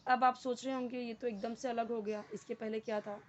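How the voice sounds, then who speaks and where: A woman teaches English grammar step by step, in a fairly high voice. She repeats words patiently and keeps asking the listener questions. The recording sounds dull and lo-fi. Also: flat delivery, a little fast, slight background noise.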